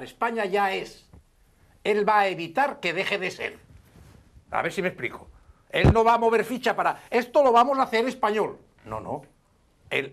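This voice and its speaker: A man's voice: high-pitched, gravelly, husky. A man with a Spanish accent arguing his point emphatically on a TV debate panel. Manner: emphatic, deliberate, forceful. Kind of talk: heated political debate.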